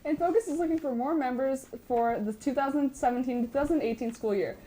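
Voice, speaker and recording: High-voiced teen girl reading school news. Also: fairly quick, warm tone, soft background music, rough recording. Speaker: student news anchor. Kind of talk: scripted school news announcements. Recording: faint background noise.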